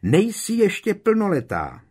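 A man's voice: very animated, husky. A man reading aloud, voicing a frantic, protective middle-aged mother who screeches her scolding. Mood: shrill scolding. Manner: shrill, scolding.

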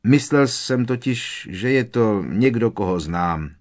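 A man's voice: fairly low pitch, animated, darkish tone, natural voice. A man voicing a polite, curious teenage boy wizard in a storybook, asking plain, puzzled questions.

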